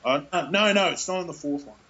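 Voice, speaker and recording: A man's voice: fairly high pitch, a little fast, bright, forceful tone, lo-fi sound. A man chatting casually about films, rambling with many fillers and restarts.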